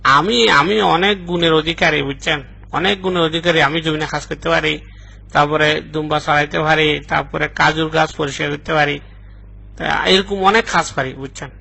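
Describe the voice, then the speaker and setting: A man playing an old man in his sixties who brags to a woman over the phone, with a raspy voice. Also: a little high, fairly even intonation, normal speed, pushed and bright, heavily acted. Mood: bragging. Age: 60s. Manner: bragging, then panicky and pleading. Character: boastful old man posing as a young suitor. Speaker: prank caller. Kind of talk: comedic phone sketch.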